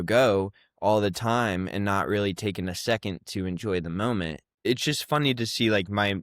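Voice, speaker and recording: A young man with a low, resonant voice chats casually on a podcast, rambling through family anecdotes full of "like" and restarts. The recording is dry and close, with no room sound. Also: clear, resonant tone, dry recording. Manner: rambling storytelling with many fillers. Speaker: podcast co-host. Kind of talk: casual chat.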